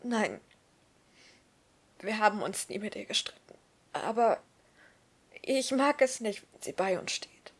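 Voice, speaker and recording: A woman's voice: medium pitch, animated, breathy edge. A woman reading the lines of an anxious, guilty teenage boy who stammers near tears. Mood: hesitant. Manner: halting, stammering, emotional.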